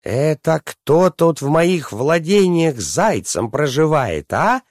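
A haughty young princess, played by a man, flares up in a high, indignant voice. She shouts her complaints, and her pitch leaps with every outburst. There is a slight husky grain to the sound. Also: wildly swooping pitch, unhurried, no echo, clean studio sound, exaggerated voice. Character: proud, quick-tempered young princess.

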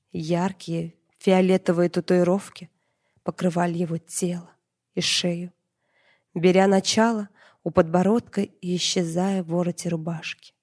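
A woman reading a dark fantasy novel as an audiobook narrator, in a measured, dramatic way. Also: on the low side.

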